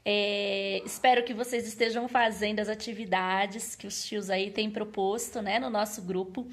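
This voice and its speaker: A woman's voice: mid-range voice, fairly even intonation, moderate pace. A woman who teaches at a children's church service. She tells a Bible story in a sing-song, coaxing way and keeps asking the children questions. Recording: very echoey room.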